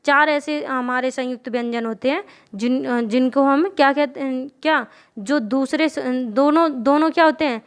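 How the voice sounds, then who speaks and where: In a high-pitched voice at a moderate pace, a young woman teaches a Hindi grammar lesson, repeating her examples and regularly asking the class questions to confirm they're keeping up.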